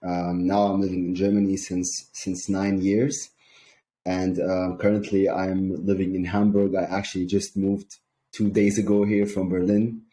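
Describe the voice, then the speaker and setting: Man from Syria, sales coach, calm, measured, flat delivery, dark tone. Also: low-pitched. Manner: calm, measured, frequent ums. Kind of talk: interview guest.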